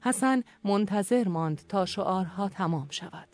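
A narrator reading a war story in a calm, measured way. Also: mid-range voice. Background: faint violin music.

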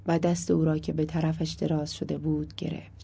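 Low mellow woman narrating a story. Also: level tone, creaky, breathy edge, dry recording. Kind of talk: audiobook narration.

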